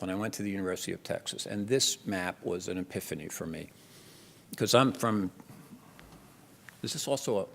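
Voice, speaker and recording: A conference keynote comes from an older man out of Jersey City, New Jersey, whose accent is clear. His voice is on the low side, gravelly and a bit bright, and he talks animatedly and conversationally, often starting over. The large lecture hall gives a long reverb.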